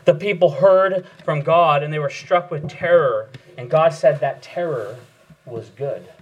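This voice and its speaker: A man's voice: fairly high pitch, a little slow, dull audio. A man preaching a sermon earnestly, asking rhetorical questions and repeating key phrases for emphasis. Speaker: pastor.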